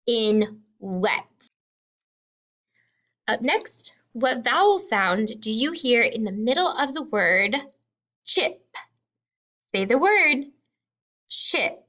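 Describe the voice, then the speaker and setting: Slow, patient kindergarten teacher woman. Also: fairly high pitch, fairly bright tone, highs cut off. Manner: slow, clearly sounding out letters and words. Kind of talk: remote phonics lesson for young children.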